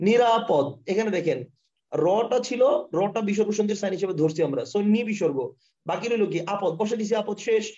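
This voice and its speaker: A high, quick-talking man with a Bangladeshi Bengali accent teaches grammar in a live online class. He drills each rule again and again and keeps checking that students are following. His mellow voice comes through dull, lo-fi call audio. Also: expressive. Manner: fast, repetitive, keeps asking if the concept is clear. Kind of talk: live online lesson with screen share.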